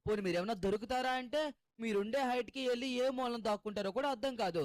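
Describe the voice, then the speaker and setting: Defensive young guy, voiced by a man: higher voice, grumbling, drawn-out calls, dry sound. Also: dry recording.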